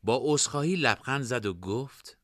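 A man narrating a fantasy story in expressive storytelling style. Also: medium pitch, dry recording, studio quality.

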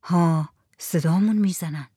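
A woman's voice: on the low side, warm tone, breathy edge, dry recording. A village man who relays messages between the headman and the strangers, as a woman reads him in the tale. His lines come short and plain, recorded dry and close. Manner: repeating others' words. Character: village man Saleh, relays what others say.

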